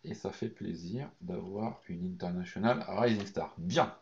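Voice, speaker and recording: A hoarse man chatting excitedly through a card pack opening, hesitating often between remarks. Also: deep voice, moderate pace, slight background noise. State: hoarse, lost voice from shouting. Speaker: card collecting YouTuber. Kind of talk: unboxing commentary. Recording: dull lo-fi recording.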